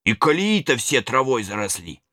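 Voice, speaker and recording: A man's voice: medium pitch, big pitch swings, normal speed, pushed and bright, dry recording, studio quality. A man voicing an agitated middle-aged male servant, superstitious and blustering, with folksy exclamations. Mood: muttering.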